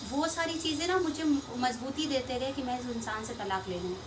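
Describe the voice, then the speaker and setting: A woman's voice: fairly high pitch, roomy sound. A woman in her thirties telling a painful personal story in an emotional, pleading and indignant way. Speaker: channel host telling her own story. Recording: distant mic with clear background noise.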